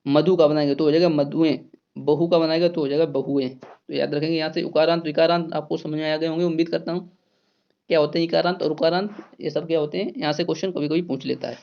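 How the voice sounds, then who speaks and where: A man's voice: a little high, steady tone, fast talker, gravelly, dull audio. A man teaching an exam-prep grammar lesson, repeating key words and asking and answering his own questions.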